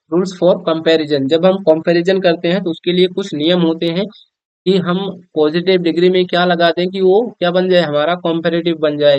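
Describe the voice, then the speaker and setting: With a Hindi accent, a man teaches school students a grammar lesson, calling them children and checking in often with "okay?" and "theek hai." His voice is high, darkish, and clean, and the dull, dry lo-fi recording has no echo.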